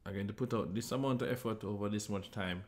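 A man's voice: lowish voice, fast, darkish tone. A man giving a motivational talk, telling a story and explaining while he draws a graph. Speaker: host.

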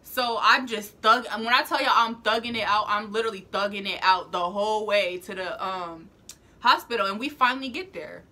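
A young woman telling a storytime vlog in animated, casual slang, acting out what people said. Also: mid-range voice, moderate pace. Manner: acts out quoted lines. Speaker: vlogger.

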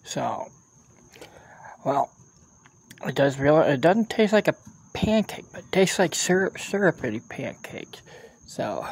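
A man giving casual snack tasting commentary as a vlogger, halting and repetitive as he thinks aloud outdoors. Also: a little high, big pitch swings, vocal fry, husky, dry recording. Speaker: food review vlogger. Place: outdoors at a picnic table in a park.

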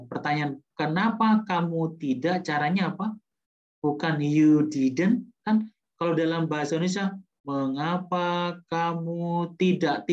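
A man teaching English grammar in a lively way. He asks questions and answers them himself, and slows down to repeat example sentences. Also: on the high side. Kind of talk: classroom grammar explanation. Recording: muffled lo-fi recording.

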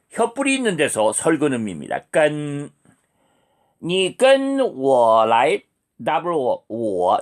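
Slow, lively-pitched male language teacher. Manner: models each sound slowly, then explains. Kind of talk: slow beginner language lesson.

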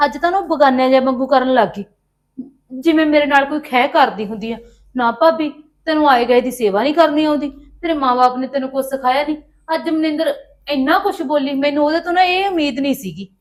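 A woman's voice: sits high, natural voice. An actress playing a patient housewife who placates her demanding sister-in-law and complains to her husband. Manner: pleading, placating, then aggrieved. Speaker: actress in a village family drama.

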